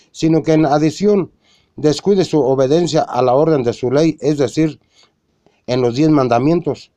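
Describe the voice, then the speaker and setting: A man reading a religious argument aloud in a measured way, quoting scripture and citing chapter and verse. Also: fairly high pitch, mellow, dry recording. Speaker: religious lecturer.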